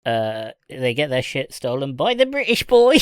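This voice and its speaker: A woman's voice: extremely low pitch, very animated, moderate pace, clear, resonant tone, dry recording, clean studio sound. A woman co-hosting a podcast, reviewing a film in casual, rambling chat and laughing often. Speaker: podcast co-host.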